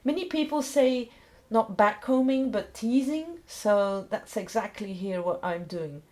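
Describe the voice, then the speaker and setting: A middle-aged dog groomer with a Belgian accent gives an informal, step-by-step grooming tutorial in simple phrases, English not being her first language. Her voice is fairly high and animated, unhurried in pace, with a darkish tone.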